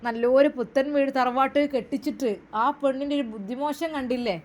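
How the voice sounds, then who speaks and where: A woman plays a nosy, rambling middle-aged neighbor woman with a Malabar Malayalam accent, chattering on in a high voice. She talks in one long nosy stream, savoring every detail in a storybook tale. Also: steady tone, fairly quick, darkish tone, slight background noise, natural voice. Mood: gossiping.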